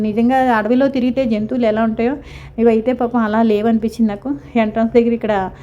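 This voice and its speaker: A woman's voice: on the high side, dark tone, slight background noise. A middle-aged woman from India narrating a casual vlog of a zoo visit, talking in a sympathetic, rambling way with many restarts. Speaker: vlogger. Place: outdoor zoo park.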